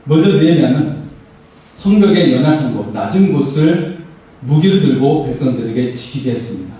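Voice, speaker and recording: A man's voice: medium pitch, expressive, moderate pace, warm tone. A pastor, a man, preaching a sermon with emphatic, rising phrases. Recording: echoey hall, voice far from mic.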